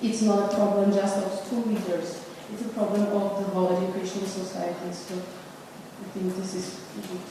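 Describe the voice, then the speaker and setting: A woman from the Republic, speaking at a conference in a measured, slightly halting way. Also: medium pitch, little pitch movement, noisy background. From Czech Republic. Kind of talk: panel statement. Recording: echoey hall from far off.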